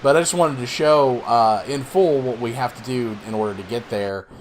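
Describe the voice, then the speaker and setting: A man's voice: medium pitch, normal speed, a little hiss or hum. A young man hosting a let's play, explaining the game casually and rambling with lots of fillers and restarts. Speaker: gaming channel host.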